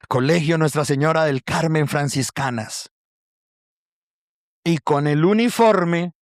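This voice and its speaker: High-voiced pastor preaching. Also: male voice, smooth, no echo, clean studio sound. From Colombia. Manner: animated storytelling with acted quotes, addresses congregation as brothers. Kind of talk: sermon. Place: church.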